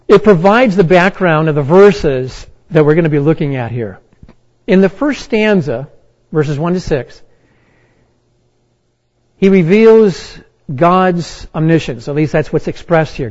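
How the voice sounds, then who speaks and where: A man with a fairly high voice preaches slowly and deliberately, leaning on each phrase with emphatic pauses. The recording is a little dull and lo-fi. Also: darkish tone. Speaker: pastor. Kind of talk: sermon.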